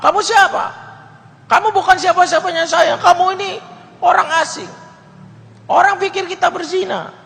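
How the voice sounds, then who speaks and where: A man voicing a crying young European woman in a high falsetto, in a sermon story. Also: fairly even intonation, normal speed, creaky, long pauses, bright, forceful tone, exaggerated voice. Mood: indignant. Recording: reverberant hall.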